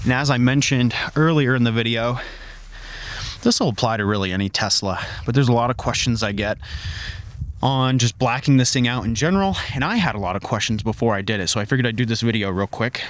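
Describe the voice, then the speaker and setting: A man's voice: medium pitch, expressive, fairly quick. A man shooting a casual car walkaround vlog outdoors in freezing weather, chatty and loose with lots of filler words, breathing a little hard from the cold. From Colorado. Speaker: car vlogger.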